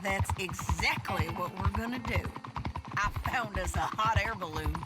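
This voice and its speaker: An actress playing a bold, plainspoken American outlaw woman in a game, brisk, folksy and wry. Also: medium pitch, very noisy, lightly acted. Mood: brisk, confiding. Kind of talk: dramatic game character acting. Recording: loud music over the voice.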